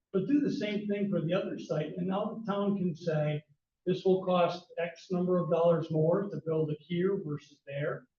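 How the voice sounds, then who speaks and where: A man's voice: a little high, slight background noise. A man giving public comment at a town hearing, pressing pointed questions insistently. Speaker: resident speaking at a public hearing. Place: echoey town meeting hall. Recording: distant, echoey, dull hall recording.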